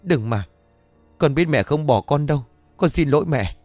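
A man's voice: a little high, expressive, moderate pace, darkish tone, no room sound, faint music behind, voice pushed up, close to an everyday voice. A man voicing a frightened, spoiled young woman who stammers and pleads tearfully with her mother. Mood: pleading, tearful.

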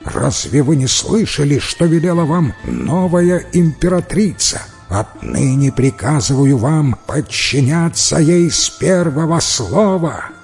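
A man's voice: mid-range voice, wildly swooping pitch, normal speed, gravelly, hardly any pauses, long reverb tail, soft background music. A man voicing a doting, easily fooled emperor in a storybook tale, speaking in an imperious, commanding way. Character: doting, gullible old-world male emperor. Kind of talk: storybook reading.

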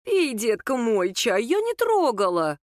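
A scheming older mother-in-law, fussing and coaxing in a raised, sing-song pitch, as a woman storyteller puts her on. The sound is close and dry, with no room around it. She flutters between sweetness and sharp muttered scolding. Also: wildly swooping pitch, a little slow, dry recording. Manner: fussing, coaxing, then scolding in hushed tones.

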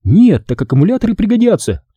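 A man voicing a cheerful young female partisan radio operator in an audiobook, with a bright, eager, lifted voice. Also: sits high, big pitch swings, quick pace, husky, no room sound, pitched above the performer's own voice, full character voice.

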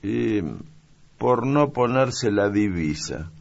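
A man voicing a lively, chatty young servant girl in a high, eager voice in an audiobook reading. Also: slow, gravelly, dull audio, full character voice.

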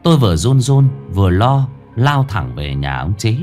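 A man narrating a ghost story in a tense, expressive storytelling manner. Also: fairly low pitch, normal speed, faint music behind.

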